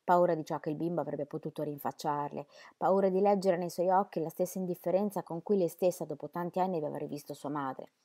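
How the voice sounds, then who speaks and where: A woman narrates a novel in a measured, expressive audiobook delivery. Her voice sits slightly low, with an even, unhurried pace. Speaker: audiobook reader.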